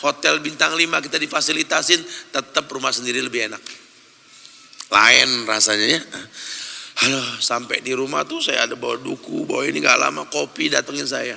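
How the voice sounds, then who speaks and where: A man's voice: medium pitch, fairly even intonation, fairly quick, gravelly, pushed and bright, big-room sound. A man with a Betawi accent preaching a sermon, telling homely anecdotes with frequent laughs and then pleading with his listeners. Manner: chatty anecdotes with frequent laughs, building to impassioned exhortation. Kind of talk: storytelling sermon.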